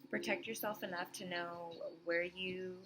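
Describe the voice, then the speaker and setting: A young woman speaks in a rather low, just-woken voice, slow and musing, filling gaps with soft pauses. Steady background noise sits clearly under her words in this casual recording. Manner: soft, unhurried, many "um" pauses. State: sleepy morning voice. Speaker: vlogger. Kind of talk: casual reflective monologue.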